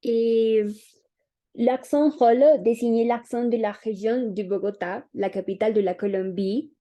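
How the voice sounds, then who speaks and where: A woman's voice: fairly high pitch, fairly even intonation, a little slow, lo-fi sound. A young woman giving an oral class presentation, reading aloud hesitantly with fillers. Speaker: student presenter.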